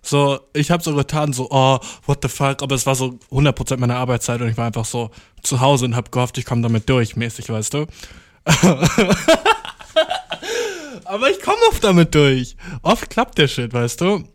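A man's voice: mid-range voice, a little fast, few pauses. A man podcasting from home, ranting in a casual, restless way, swearing a lot and dropping English slang. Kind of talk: casual rant to the listener.

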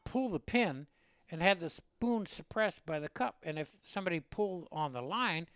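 A man in his seventies from Illinois, a veteran telling a war story in an interview, rambling and animated. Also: fairly high pitch, moderate pace, clean tone, no echo. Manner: rambling and animated, with laughs and acted-out quotes. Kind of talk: oral-history storytelling.

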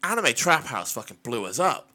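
A man's voice: medium pitch, big pitch swings, normal speed, pushed and bright. An English man chatting casually and bluntly as a podcast co-host, swearing freely. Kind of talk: casual chat.

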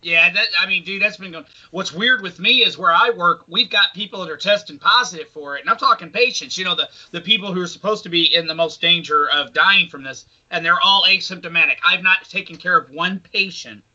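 A man's voice: sits high, a little fast, hardly any pauses, sharp tone. A man co-hosting a casual podcast, talking emphatically with frequent swearing. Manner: profane, emphatic. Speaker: podcast co-host. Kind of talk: casual chat. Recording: dull lo-fi audio.

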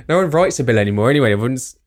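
Self-mocking and prone to quick laughs, a young man from the UK rambles as co-host in a laid-back podcast conversation. His medium-pitched voice has lively intonation, and there's a little hiss or hum on the recording.

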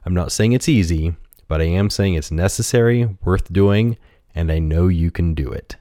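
A man hosting a storytelling podcast, reading a children's fable in an expressive, gentle teaching tone on a close mic. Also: low voice, normal speed, no echo.

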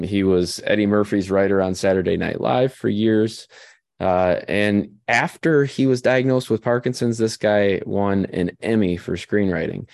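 Low-voiced Midwestern man hosting a podcast. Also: vocal fry, a little mellow, dry recording, studio quality. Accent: Midwestern American. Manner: joking, rambling. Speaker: podcast host. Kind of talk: casual podcast chat.

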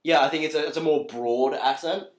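A man's voice: fairly high pitch, a little fast. Australian guy in his twenties, podcast co-host with dry self-deprecating wit, recorded in an echoey room. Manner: dry, self-mocking humor. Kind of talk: casual chat.

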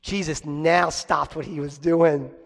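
High-voiced male pastor preaching. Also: takes it slowly, vocal fry. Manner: preaching with rhetorical questions to the congregation; animated storytelling. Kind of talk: sermon. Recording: long hall reverb.

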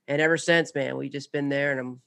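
A man's voice: mid-range voice, steady tone, brisk, vocal fry, sharp tone. Laid-back man hosting a coaching chat. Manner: friendly, laid-back, says man and dude a lot. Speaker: podcast host. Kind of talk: casual interview chat.

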